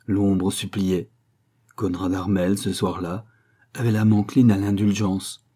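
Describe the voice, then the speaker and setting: A man reading a literary short story aloud in a measured way, as scripted narration. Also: deep voice, flat delivery, dark tone, slightly rough.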